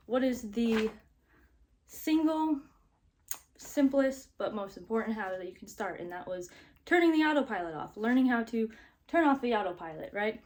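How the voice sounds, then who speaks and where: A woman's voice: on the high side, lively intonation, normal speed, a little mellow. A woman vlogging casually to camera, upbeat and chatty, with lots of fillers and a slightly breathless sounding voice.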